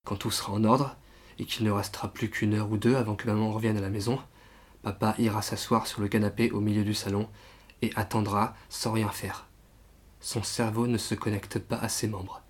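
A man reads a first-person novel aloud. His voice sits fairly low. His delivery is emotional and often near tears. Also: flat delivery, normal speed, breathy edge. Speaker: audiobook narrator.

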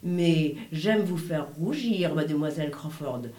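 A cold, arrogant man from a romance story, talking low and grave with a smug, suggestive edge, as a woman reader does him. He drawls his words slowly. The voice sits in a roomy, echoing space. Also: darkish tone, close to an everyday voice. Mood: seductive. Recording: roomy echo.

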